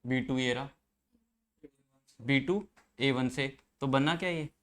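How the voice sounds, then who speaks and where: A man's voice: medium pitch, slow, fairly bright tone. A man teaching an engineering class, explaining circuits step by step and quizzing his students as he goes. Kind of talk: classroom lecture.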